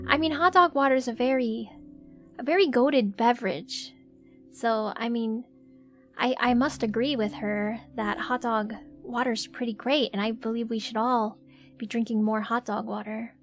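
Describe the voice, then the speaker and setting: A woman's voice: a little high, fairly even intonation, unhurried. A woman livestreamer chatting casually in a cute anime-streamer manner. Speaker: streamer, VTuber host. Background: faint music.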